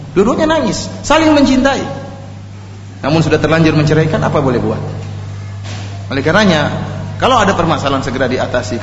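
A man preaching an Islamic lecture in an animated way, joking and acting out the people in his examples. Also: on the high side. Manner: animated, jokes and laughs, acts out quotes. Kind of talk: religious lecture. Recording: echoey hall, dull lo-fi, faint noise.

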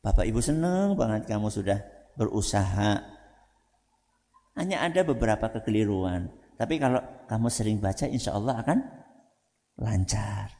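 A man voicing a gentle, patient parent who quietly praises a child. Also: on the low side, expressive, normal speed, long pauses, long reverb tail, pitched below the performer's own voice. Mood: tender. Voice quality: soft, hushed.

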